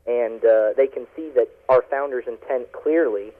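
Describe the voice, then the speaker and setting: A man's voice: medium pitch, moderate pace. A man calling in to a talk radio interview, heard over a phone line on the radio, explaining earnestly with many ums and uhs. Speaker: activist guest calling in.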